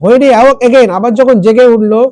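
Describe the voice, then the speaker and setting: A tutor explaining an English text in Bengali, reading lines slowly and asking students word meanings. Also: female voice, on the high side, steady tone, warm tone, no echo. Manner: asks students questions and repeats word meanings. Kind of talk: classroom lesson explaining a text.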